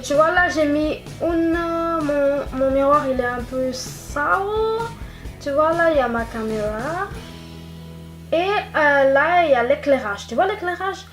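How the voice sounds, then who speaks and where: Casting: woman YouTuber, fairly high voice, chatty and emphatic, talking straight to camera; faint music underneath. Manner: repetitive, keeps stressing "vraiment"; talks straight to the viewer. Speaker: YouTube vlogger. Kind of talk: casual chat to subscribers. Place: bedroom at home, at night. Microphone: camera-mounted shotgun mic.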